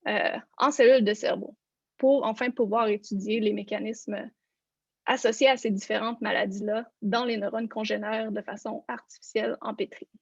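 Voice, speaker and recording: A woman's voice: mid-range voice, fairly even intonation, moderate pace, husky, no echo. A woman, a researcher giving an online lecture and walking listeners through her slides. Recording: dull, lo-fi online conference audio.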